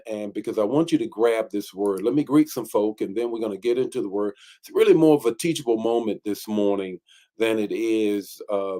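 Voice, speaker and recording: A man's voice: on the low side, a little mellow. A man hosting an online morning teaching as bishop, greeting viewers by name and talking with many fillers.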